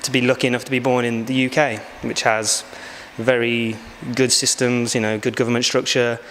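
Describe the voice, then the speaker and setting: A man's voice: medium pitch, flat delivery, fairly bright tone, slight background noise. A man, giving reflective, hesitant interview answers. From England. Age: 20s. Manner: reflective, unhurried, hesitant with many fillers. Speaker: backpacker interviewee. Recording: long hall reverb.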